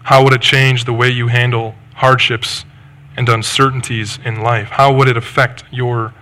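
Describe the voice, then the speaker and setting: A male pastor delivering a sermon in an earnest, measured way. His voice is bright and forceful, pitched in a middle range. He builds his points with reflective questions. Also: flat delivery.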